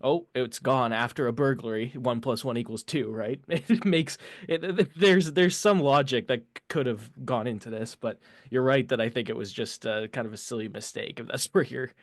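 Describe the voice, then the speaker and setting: A man co-hosting a casual sports podcast, thinking aloud with hesitant restarts and quick asides. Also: mid-range voice, no echo, clean studio sound. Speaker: podcast co-host.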